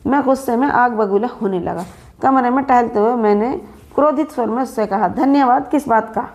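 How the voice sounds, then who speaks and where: Expressive woman telling a story. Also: on the high side, fairly quick. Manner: expressive, plays the stern employer in first person. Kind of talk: dramatic story narration.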